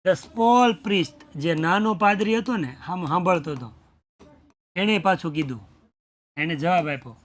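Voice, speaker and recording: A man's voice: sits high, a little slow. A young man teaching a class, explaining a story with dramatic retellings and switching between languages.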